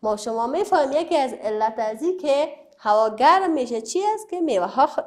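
A woman's voice: high-pitched, lively intonation, darkish tone. A woman teacher with an Afghan Dari accent, giving a recorded lesson to young children, spelling out letters and syllables and answering her own questions. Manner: spells out letters and syllables slowly, repeating words; asks questions, then answers them herself. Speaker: primary school teacher.

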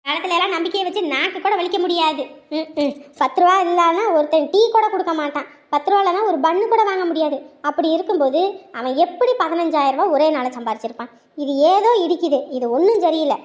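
A woman's voice: extremely high pitch, expressive, quick pace. Woman playing a suspicious scolding mother. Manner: scolding, distrustful. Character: stern scheming middle-aged mother, suspicious. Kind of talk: web-series family drama acting.

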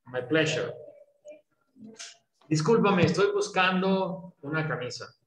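A man's voice: on the high side, lively intonation, slow pace, a bit bright. Patient male teacher on a roomy call. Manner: patient, explanatory, often adds "¿verdad?" checks. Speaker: English teacher. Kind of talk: online English class explained in Spanish. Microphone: video call. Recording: roomy echo, faint background noise.

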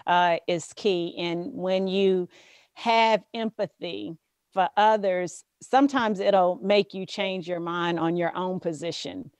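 A woman's voice: fairly low pitch, slow pace, a little mellow, no echo. Southern woman interviewer, dry sound. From Southern US, Louisiana bayous. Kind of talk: casual interview conversation.

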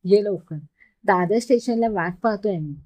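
A woman's voice: medium pitch, normal speed, warm tone, natural voice. A woman voicing a cheerful, easygoing young man who jokes with his friend in story dialogue. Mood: joking. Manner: easygoing, joking.

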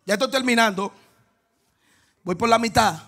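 A male pastor preaching a sermon, moving between quiet storytelling and shouted, chanting praise aimed at the congregation. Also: high voice, expressive, moderate pace. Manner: calls out to the congregation and cries out "woo".

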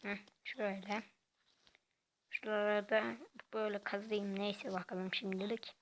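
Soft-spoken woman with vocal fry. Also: mid-range voice, flat delivery, slight background noise. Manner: talks quietly and softly; halting, hesitant delivery. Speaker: gaming channel host. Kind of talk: casual gameplay commentary.

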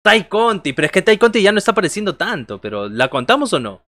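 A man's voice: high-pitched, sing-song, quick pace, a bit bright, dry recording. A man in his thirties doing casual wrestling commentary on a livestream, joking and conversational as he talks with viewers. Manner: joking, conversational, reacting to chat and calling moves. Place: small bedroom, indoors.

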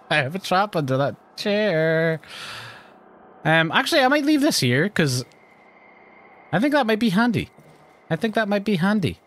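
A man streaming a horror game, talking to his viewers as he plays, jumpy and quick to swear. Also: medium pitch, fairly bright tone. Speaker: let's play streamer. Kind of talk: live gameplay commentary.

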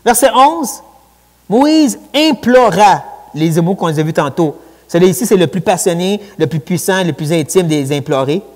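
A man with a Quebec French accent preaching a sermon in a church, lively and conversational, with colloquial asides. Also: high voice, moderate pace. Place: church sanctuary. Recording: long church hall reverb.

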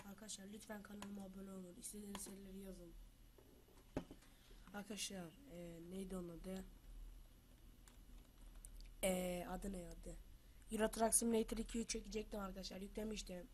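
A woman with the flu giving casual gameplay commentary as a channel host. She trash-talks loudly, then drops to quiet muttering to herself. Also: medium pitch, level tone, fairly quick, long pauses, background noise. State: has the flu.

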